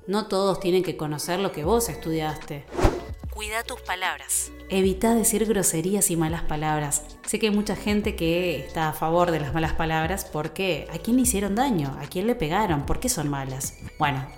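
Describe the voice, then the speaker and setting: A woman radio announcer with an Argentine accent, giving advice on a podcast in a measured, emphatic, teacherly way. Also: on the low side, a little mellow. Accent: Argentine Spanish. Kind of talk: instructional podcast talk. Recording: roomy echo with faint music.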